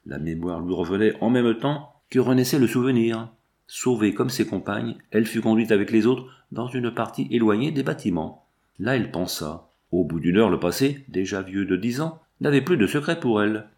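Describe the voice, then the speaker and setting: A man narrates a classic novel as an audiobook in a steady storytelling manner. His voice sits low and has a gravelly edge. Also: moderate pace. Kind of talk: reading a classic novel aloud.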